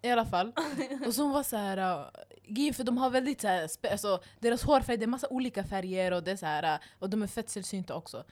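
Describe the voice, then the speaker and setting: A woman's voice: medium pitch, lively intonation, hardly any pauses, a little mellow. A young woman telling a story to friends, filling her speech with "like" fillers and some English words. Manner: storytelling with many fillers like "så här". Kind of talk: casual group chat.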